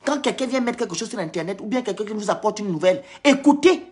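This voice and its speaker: A woman's voice: medium pitch, lively intonation, racing, a little mellow. A woman from Gabon, scolding and lecturing her viewers in a heated, repetitive live-stream rant.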